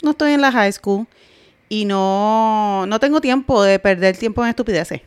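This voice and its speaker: A woman's voice: medium pitch, moderate pace, clean tone, no echo. A woman in her early forties co-hosting a podcast, talking firmly and emphatically in casual chat. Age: 40s. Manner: firm, emphatic, repeats points. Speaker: podcast co-host.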